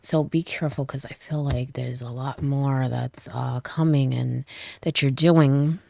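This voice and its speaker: The tarot reader is a woman with a very deep, gravelly yet mellow voice, speaking steadily and without hurry, with no room sound in the recording. She's a bit congested from a cold and keeps the casual reading chatty, frequently asking "okay?" and "right?".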